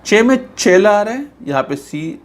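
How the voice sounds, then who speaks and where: Guy from pakistan teaching english, slow and repetitive, voice goes up and down a lot, reads the book lines out. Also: high voice, big pitch swings. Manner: patient, repetitive explaining, often checks with "theek hai"; reads English textbook lines slowly, mixing them into his explanations. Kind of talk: recorded classroom lesson.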